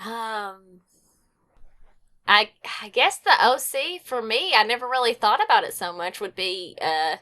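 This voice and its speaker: A woman's voice: a little high, expressive, measured pace, bright, forceful tone. A young woman guest on a podcast, chatting casually and rambling a bit, with frequent fillers and restarts. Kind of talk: casual chat.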